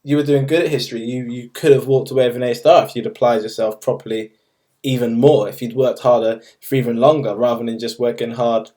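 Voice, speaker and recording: A man's voice: medium pitch, steady tone, brisk, dark tone, voice pushed down, lightly acted. A young man quoting a blunt history teacher. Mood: lecturing. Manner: blunt, lecturing.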